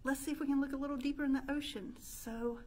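A children's librarian in her thirties talks fast in a high, darkish voice with a steady tone. She runs a pretend-play storytime in an indoor room with a stone fireplace, asking young children questions in a sing-song way.

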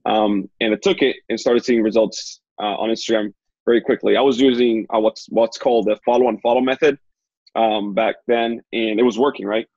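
Husky young man on a muffled call. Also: lowish voice, fairly even intonation, darkish tone, no echo. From Dominican Republic. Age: 20s. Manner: fast, chatty, lots of fillers and repeats. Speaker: guest, Instagram consultant. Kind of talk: casual interview on a video call. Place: small home room indoors. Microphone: earbuds on a video call. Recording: dull, dry call audio.

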